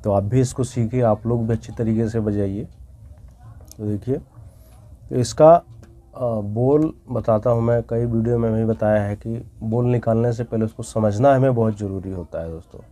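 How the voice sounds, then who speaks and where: A man's voice: fairly low pitch, normal speed, mellow. A young man teaching tabla in a friendly way, addressing his viewers as friends and reciting drum syllables. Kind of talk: online music lesson. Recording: tabla playing behind the voice.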